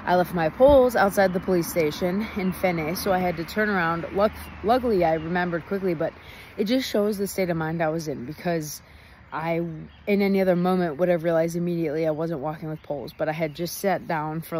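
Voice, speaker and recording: Young woman, chatty rambling vlog recap on her phone, kinda low voice, faint highway hum behind. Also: a little mellow. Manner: chatty, rambling, laughs often. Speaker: travel vlogger. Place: outdoors near a highway.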